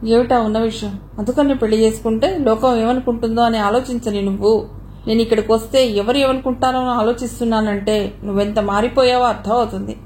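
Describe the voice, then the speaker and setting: A wounded young man who pleads and scolds in turn in an audio novel, voiced by a woman reader. He sits fairly high in pitch for a man, his plain voice barely changed from the reader's own. He is hurt and possessive underneath. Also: steady tone, a little fast, a little mellow, slight background noise, lightly acted, low-quality recording. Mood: reproachful. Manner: pleading, reproachful.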